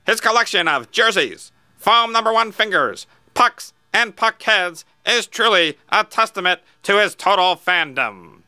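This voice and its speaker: A man's voice: high-pitched, animated, unhurried, hardly any pauses, sharp tone, clear, resonant tone, dry recording, pitched above the performer's own voice, full character voice. A man playing a dramatic old-time newsreel announcer in a grand, announcing delivery. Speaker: amateur contest entrant. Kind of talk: mock newsreel narration.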